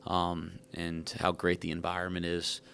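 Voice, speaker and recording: Man, basketball coach, out of breath, deep voice, monotone delivery, rambling and frank, press conference podium. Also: a little slow, gravelly, a little hiss or hum. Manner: frank, rambling, self-joking.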